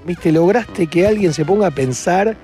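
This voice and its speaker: A man with an Argentine accent tells stories as a guest, his voice sitting somewhat higher than most. He is lively and laughs often. Now and then he acts out the voices of the people in his stories. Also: moderate pace, soft background music. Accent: Argentine Spanish. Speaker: comedian guest. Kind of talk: casual anecdote-telling.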